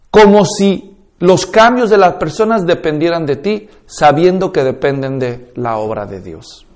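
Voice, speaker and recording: A man teaching a course on preaching, speaking in an emphatic, instructive way, addressing listeners directly and demonstrating tones and speeds with his own voice. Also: a little high.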